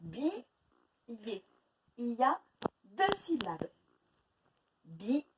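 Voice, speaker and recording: French teacher stretching out syllables slowly. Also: female voice, on the high side, very animated, recorded from a distance. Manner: slow, exaggerated syllable-by-syllable pronunciation. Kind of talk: phonics lesson for young children. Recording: faint noise, voice a little off-mic.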